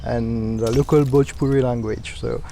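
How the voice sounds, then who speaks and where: A man with a Mauritian accent answering interview questions in a conversational, halting way, with frequent pauses. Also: medium pitch, fairly even intonation, gravelly, mellow, a little hiss or hum. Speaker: company CEO, interviewee.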